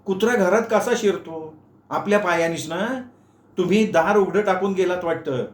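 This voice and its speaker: A man's voice: high-pitched, moderate pace, pitched above the performer's own voice, lightly acted. A male storyteller voicing a panicky young woman of twenty-two who stammers in fright, in an echoey room. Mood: frightened, sharp.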